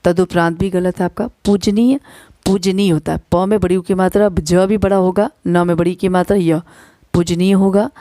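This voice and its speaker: A woman with a low, mellow voice leads an exam-prep spelling lesson. She spells words out syllable by syllable, slowing right down to dictate, and keeps checking in with her class. The recording is close and dry. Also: fairly even intonation, dry recording. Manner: spells words out letter by letter, repeats "ठीक है ना". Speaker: Hindi teacher.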